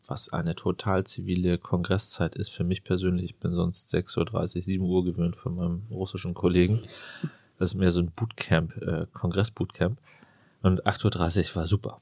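A man's voice: deep voice, a little mellow, dry recording. A man hosting a casual podcast interview, chatty and joking, telling anecdotes with gusto. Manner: jokey, chatty storyteller. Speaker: podcast host and plastic surgeon.

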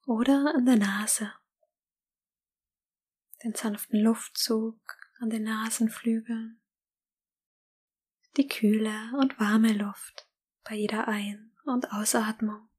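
A woman whispering a slow, calm guided meditation. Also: a little high, slightly rough.

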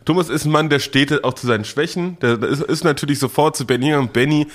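A man's voice: a little high, fast. A man co-hosting a podcast, telling an anecdote in a teasing, mock-solemn way. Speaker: podcast co-host. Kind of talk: casual podcast chat.

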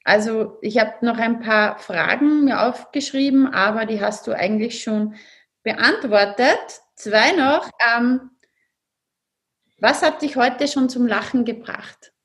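A woman's voice: on the high side, slow pace, a bit bright. A woman hosting an interview, asking questions hesitantly with many fillers. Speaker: podcast host. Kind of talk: interviewing a guest.

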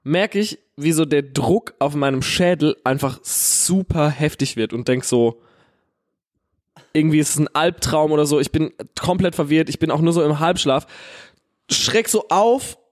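A man with a Palatinate German accent telling an animated, slangy story in casual chat, full of fillers. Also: on the high side, normal speed.

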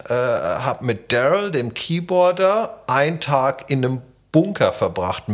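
Animated man telling stories. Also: medium pitch. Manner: animated storytelling. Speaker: guest musician. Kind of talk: casual interview talk.

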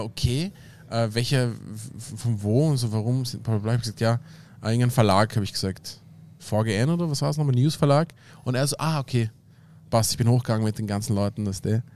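A man's voice: medium pitch, fairly even intonation, fast talker, a little mellow. A young man with an Austrian German accent, rambling through an anecdote in casual slang with lots of fillers. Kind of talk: casual chat.

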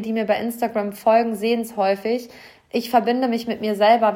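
A woman hosting a solo motivational podcast, talking earnestly and directly to the listener with a bubbly, encouraging manner. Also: medium pitch. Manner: lively and bubbly, by her own words. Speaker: podcast host.

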